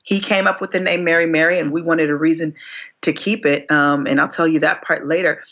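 A singer in her forties is interviewed as a guest and tells her story expressively, her voice rising high whenever she relives a moment. Her tone is steady, brisk, and a bit bright, though the audio is dull.

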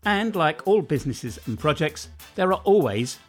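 A man's voice: fairly high pitch, big pitch swings, normal speed, faint music behind. A man hosting a podcast, talking in a chatty, joking way while he tastes food. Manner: chatty, jokey. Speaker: podcast host. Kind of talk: casual podcast chat.

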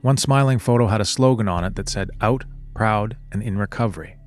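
A male podcast host reading scripted narration in a measured, serious way. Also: lowish voice, faint music behind.

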